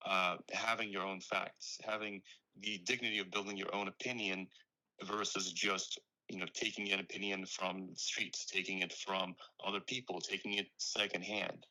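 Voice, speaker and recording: Deep low guy from ukraine, real bright forceful tone, explains things earnestly. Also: little pitch movement, moderate pace, low-quality recording. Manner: earnest, explanatory, frequent "you know". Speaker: founder being interviewed. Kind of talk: conversational interview.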